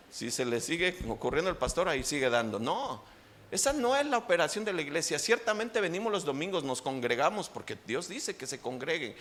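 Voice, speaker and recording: Pastor, sermon, high-ish voice, very animated pitch, fond of rhetorical questions. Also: male voice, slight background noise. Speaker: preacher. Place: church.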